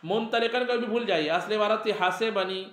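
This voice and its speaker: A male teacher gives a grammar lesson to a class, reading Arabic passages at a slow pace and posing questions he frequently answers on his own. He has a high, somewhat bright voice, and the room sounds echoey.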